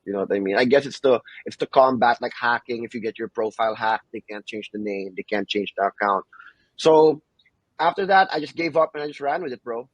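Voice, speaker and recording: A man's voice: medium pitch, brisk, no echo, low-quality recording. A young man from the Philippines hosting a casual podcast chat, laid-back and peppering his talk with "bro" and "you know what I mean". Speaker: podcast host.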